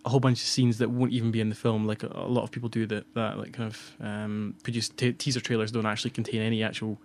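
Fast, gravelly Glaswegian man. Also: fairly low pitch, flat delivery, darkish tone. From Scotland. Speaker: podcast co-host. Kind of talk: casual chat.

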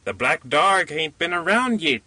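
A man voicing a gloomy backwoods host who speaks slowly and somberly, in a raised, drawling voice. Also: on the high side, big pitch swings, bright, forceful tone, no echo, pitched above the performer's own voice, heavily acted. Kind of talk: storybook reading.

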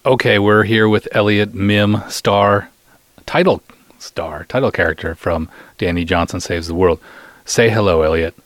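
With a fairly low pitch and a slightly slow pace, a middle-aged podcast host and interviewer keeps the conversation casual and light. He comes across as playful and teasing. There's no room sound in the recording.

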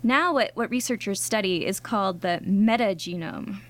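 A woman co-hosting a science radio show in a studio, explaining things conversationally in a bright, curious manner. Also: mid-range voice, normal speed. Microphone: studio microphone.

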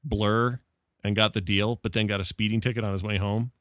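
A man's voice: lowish voice, flat delivery, brisk, a bit bright, no echo, clean studio sound. A man hosting a casual podcast, chatting and reading listener emails aloud in a jokey way. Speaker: podcast host.

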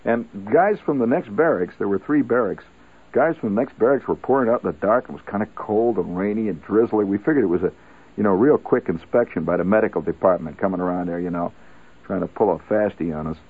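A man's voice: on the low side, quick pace, husky. A man on the radio telling a rambling comic army story with wry asides. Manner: wry, rambling anecdotal delivery. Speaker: radio monologuist. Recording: tinny lo-fi 1970s radio broadcast.

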